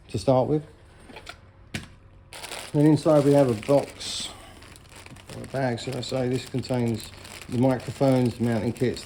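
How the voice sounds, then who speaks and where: In this casual unboxing, a middle-aged man reviews motorcycle gear for his vlog in a chatty, straightforward way. His medium-pitched voice is mellow, but the audio is poor, with a bit of hiss or hum.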